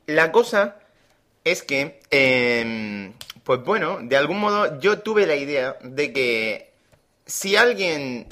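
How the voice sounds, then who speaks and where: Bright-voiced Spanish podcast co-host. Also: male voice, a little high, slow. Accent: Spain. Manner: animated storyteller, blunt and frank. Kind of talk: casual podcast chat.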